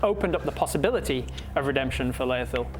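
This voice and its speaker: A man's voice: medium pitch, lively intonation, fast, background noise. A man running a tabletop game as game master, narrating off the cuff and chatting casually, with some swearing.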